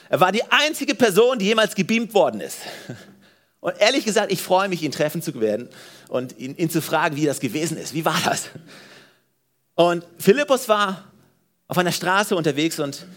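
A man preaches a sermon in church. His voice sits high for a man, and his delivery is lively and emphatic. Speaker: pastor. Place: church service.

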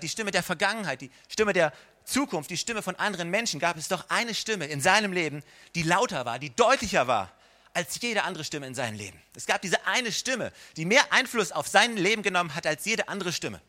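Man, pastor, sermon, high voice, bright tone, emphatic rises and drops. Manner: dynamic preaching, rising and dropping emphatically. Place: church.

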